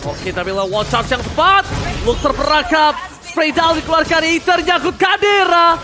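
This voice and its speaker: High-pitched Indonesian man, hyped fighting game announcer. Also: normal speed, a crowd in the background. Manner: excited, punchy hype calls with English gaming terms. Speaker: esports shoutcaster. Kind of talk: fighting game announcer style play-by-play commentary. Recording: music behind the commentary. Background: music.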